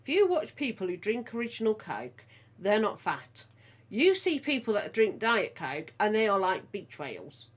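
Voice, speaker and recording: A woman's voice: medium pitch, very animated, moderate pace. A middle-aged woman with a Midlands accent, chatting casually as a podcast co-host and telling stories with frequent laughter. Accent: English Midlands. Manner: chatty storyteller, laughs often. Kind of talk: casual family chat.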